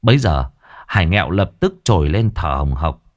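A man's voice: low-pitched, expressive, moderate pace. A man narrating a ghost story in a dramatic storytelling manner.

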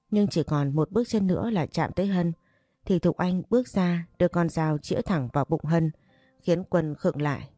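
A woman narrating a dramatic audio story in a measured way. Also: fairly low pitch, dark tone, no room sound.

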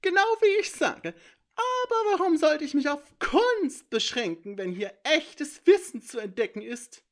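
A shrill, manic villain. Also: male voice, big pitch swings, a little slow, exaggerated voice. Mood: gloating. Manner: shrill, cackling, taunting.

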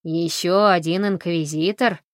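A woman's voice: lowish voice, steady tone, unhurried, no room sound, clean studio sound, close to an everyday voice. A woman reading an audiobook, voicing a bossy, disapproving older woman who snipes at others. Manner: sniping, disapproving.

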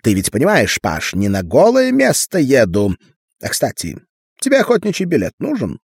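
A rambling schemer with a thin tenor voice, put on by a male audiobook reader. He jumps between high, pushy peaks and lower mutters, lost in his own plans. The sound is close and dry. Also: huge pitch swings, moderate pace, creaky, slightly rough, no room sound, exaggerated voice. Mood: scheming. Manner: rambling, absorbed, talks over his listener.

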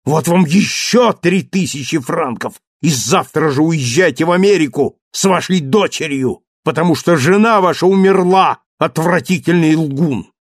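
A man voicing a frantic, passionate young man who shouts in impassioned outbursts in an audiobook reading. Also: fairly high pitch, normal speed, hardly any pauses, husky, no echo, studio quality, pitched above the performer's own voice. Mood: furious.

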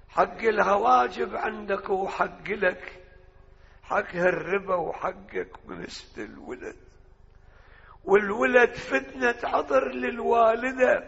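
High, gravelly Iraqi preacher in a hall. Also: male voice, a bit bright. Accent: Iraqi Arabic. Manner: impassioned, shifts between speech and melodic chanting. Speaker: religious orator. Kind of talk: mourning sermon with chanted lament. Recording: dull lo-fi audio with long hall reverb.

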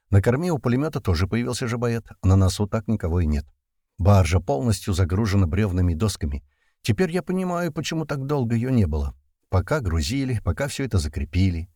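A man's voice: on the low side, dry recording, clean studio sound. A man narrating a first-person action audiobook in a tense storytelling manner. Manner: tense storytelling with shouted commands.

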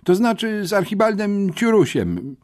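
A man's voice: sits high, very animated, unhurried, darkish tone, voice pushed up. A man voicing a frightened schoolboy who pleads desperately with the headmistress. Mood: desperate pleading.

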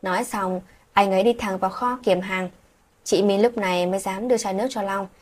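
A woman narrates a late-night story in a soft, breathy voice that sits at an ordinary middle pitch. She reads every character's lines herself, shifting her voice only a little from role to role. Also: fairly even intonation, a little fast.

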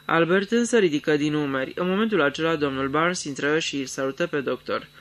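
A man narrating a detective story in a measured storytelling voice. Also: fairly high pitch, fairly bright tone. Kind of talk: dramatic reading of a detective story.

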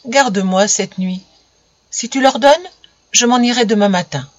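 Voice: mid-range voice, measured pace, a bit bright, no echo. A reader voicing a frightened ten-year-old peasant boy who pleads in a raised, strained voice, in a storybook reading. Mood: pleading.

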